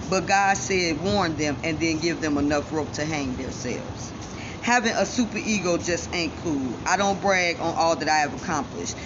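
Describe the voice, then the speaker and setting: A woman from giving a defiant, self-assured personal monologue straight to viewers, her speech shaped by missing front teeth. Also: on the low side. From Chicago, United States. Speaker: vlogger. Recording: dull lo-fi sound, loud ambient noise.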